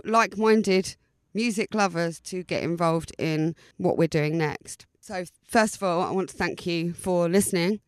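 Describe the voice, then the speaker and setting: A woman's voice: mid-range voice, no echo. A woman in her forties with an Essex accent tells her own story as a podcast host, in an informal, chatty way, hesitating and repeating words for emphasis. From Essex, England. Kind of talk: informal autobiographical podcast monologue.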